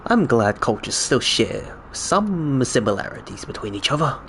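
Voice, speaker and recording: A man whose first language is Cantonese chats casually with viewers on a game stream, rambling, correcting himself and chuckling. His mid-range voice is very animated but unhurried, and the background is noisy.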